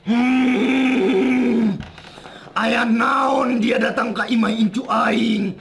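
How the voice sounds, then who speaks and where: In an echoey room, an angry old ancestral spirit possessing a body like a seance medium, comic and high-pitched. It growls and wails very slowly in a Sundanese accent, with humming grunts. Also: male voice, steady tone, gravelly, noisy background, exaggerated voice. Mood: angry, aggrieved. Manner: slow, wailing and shouting, with drawn-out humming grunts. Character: angry possessing grandfather spirit speaking through a man.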